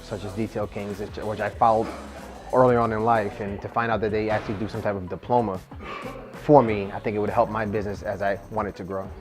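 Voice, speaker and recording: A man from Staten Island, New York, giving a quick, businesslike testimonial as a seminar student. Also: lowish voice, level tone, a little mellow, soft background music. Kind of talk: testimonial interview.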